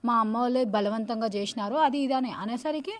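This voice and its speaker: A woman, the victim's sister, speaking rapidly and insistently to a reporter in an emotional news interview. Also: fairly high pitch. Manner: rapid, insistent, repeatedly addresses the reporter as sir.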